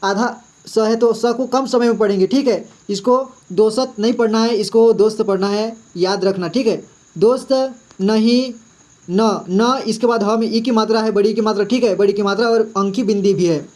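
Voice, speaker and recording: A man walks through a reading lesson one word at a time. He sounds out each syllable slowly and patiently and keeps checking that his students are following. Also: high voice, steady tone, darkish tone. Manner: patient, slow syllable-by-syllable sounding out, frequent "ठीक है" check-ins. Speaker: Hindi reading teacher.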